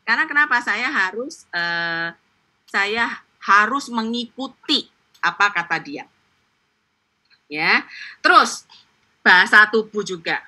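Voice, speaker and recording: Fast-talking bright woman teaching on a call. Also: mid-range voice. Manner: fast, lively, chatty, with playful acted-out examples. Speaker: insurance agent teaching sales technique. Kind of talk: live online training session. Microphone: video call.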